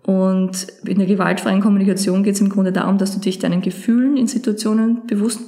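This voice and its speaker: Woman, casual chat, hesitant wording, dark mellow tone, roomy echo. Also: medium pitch, fairly even intonation, a little fast. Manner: thoughtful, searching for words with many fillers. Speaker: podcast co-host presenting a book.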